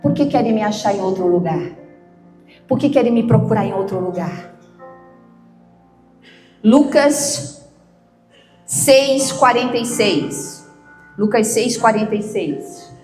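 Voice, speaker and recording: A woman pastor preaching a sermon, slow and emphatic, shifting between loud outbursts and hushed questions. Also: mid-range voice, animated. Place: church. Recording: echoey church with soft music. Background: soft instrumental music.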